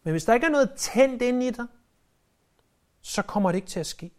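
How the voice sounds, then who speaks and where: A preacher delivering a sermon in a lively way, often hesitating and repeating words, and acting out quoted speech with sudden jumps in pitch. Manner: frequent hesitation fillers and word repeats.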